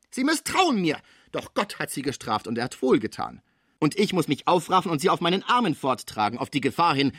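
A man's voice: medium pitch, husky, dry recording, studio quality. A man voicing a scheming middle-aged concierge woman who nurses the sick, overwrought and indignant as she protests her honesty.

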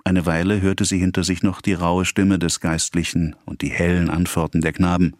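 A man reading a classic novel aloud in a measured, even way. His voice sits very low. The sound is dry and close to the mic. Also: no echo. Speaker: audiobook narrator. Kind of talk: scripted narration.

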